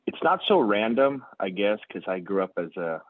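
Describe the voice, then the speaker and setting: A man in middle age, a surgeon turned hospital executive, speaks in a very deep voice. He reflects on each answer as he goes, pausing with fillers and circling back on himself. His voice comes dry and thin, as over a phone line. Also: sing-song, no room sound. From United States. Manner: thoughtful, many fillers and restarts. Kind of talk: conversational interview answers.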